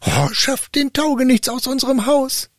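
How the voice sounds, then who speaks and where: A man doing a shrill, wailing village woman. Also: big pitch swings, normal speed, no echo, clean studio sound, exaggerated voice. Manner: high-pitched, wailing. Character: shrill distraught sexton's wife.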